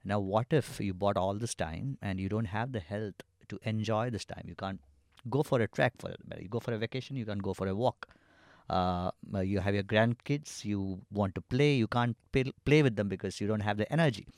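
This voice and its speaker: A man's voice: on the low side, a little fast, no echo, clean studio sound. A man with an Indian accent explaining casually and hesitantly as a podcast guest, checking in as he goes.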